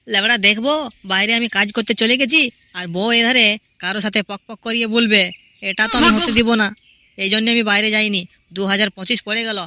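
A woman voicing a blunt, crude-talking male villager with a lower, gruffer voice in a cartoon comedy. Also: pushed and bright, close to an everyday voice.

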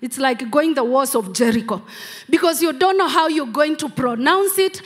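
A Kamba-speaking Kenyan pastor, middle-aged, preaches at a moderate pace in an expressive, high-pitched voice. She stands on stage in a large church hall with a handheld mic, her sermon marked by emphatic repeated phrases.

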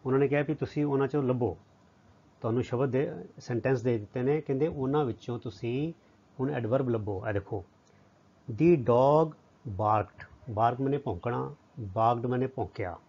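A man with a Punjabi accent teaches grammar in a mellow, dark voice. He reads English sentences slowly and asks questions that he answers himself. The audio is dull and lo-fi. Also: medium pitch, breathy edge. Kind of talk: grammar lesson explained in Punjabi.

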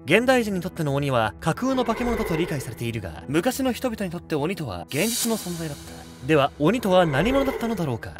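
A man's voice: high voice, very animated, brisk, hardly any pauses. A man voicing a theatrical vampire host giving a grandiose scripted narration about history. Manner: grandiose lecturing narration with a catchphrase ending. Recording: background music throughout.

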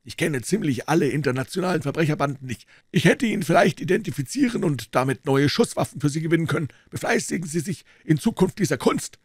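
A man voicing an old male doctor who speaks in a calm, persuasive, clinical way. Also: fairly high pitch, quick pace, few pauses, husky, no echo, studio quality, voice pushed up.

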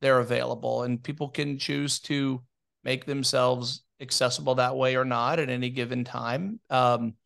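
Casting note: male podcast co-host, gravelly fry in his voice, mid pitch, steady and advice-giving. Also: moderate pace. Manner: steady advice-giving, frequent ums and restarts. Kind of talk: casual business podcast chat.

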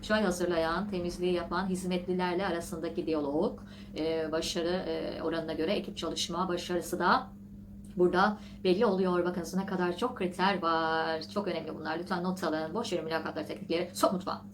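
A woman hosting a casual vlog, reading an article aloud and mocking it with sarcastic asides and shrill outbursts, laughing often. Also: steady tone, a little fast, noisy background. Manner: laughs often while talking. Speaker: vlog host.

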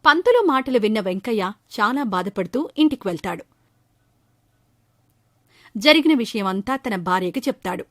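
A woman narrating a children's moral story in a steady storybook way. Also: mid-range voice, moderate pace, long pauses, dry recording, clean studio sound.

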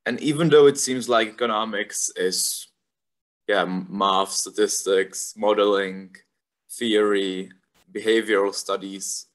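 A man's voice: fairly low pitch, a bit bright. A young man from the Republic, a university student talking casually and thoughtfully about his studies, with frequent fillers. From Czech Republic. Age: young adult. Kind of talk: casual informational talk.

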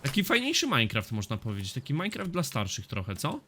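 A man casually narrating his own gameplay, cursing often and getting loud when the action picks up. His voice sits at an ordinary middle pitch. There is clear background noise under the recording. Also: quick pace. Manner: swears often, excitable reactions to the game. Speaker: gaming YouTuber. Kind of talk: casual let's-play commentary.

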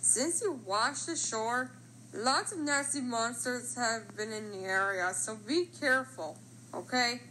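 A woman's voice: a little high, unhurried, pushed and bright, a little hiss or hum, poor audio. A woman voicing a concerned, helpful talking basketball in reassuring cartoon voice lines. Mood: relieved, concerned.

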